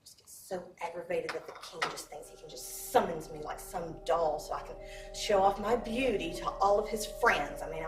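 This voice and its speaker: A woman's voice: a little high, echoey room, far from the mic, rough recording. An actress playing a haughty young queen who whines petulantly about her tea, in a mockumentary comedy. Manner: petulant, complaining.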